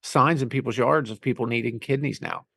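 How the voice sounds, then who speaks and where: Gravelly man in his forties, plainspoken. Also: mid-range voice, steady tone, fairly quick, fairly bright tone, dry recording, clean studio sound. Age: 40s. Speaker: podcast co-host. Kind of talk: casual conversation.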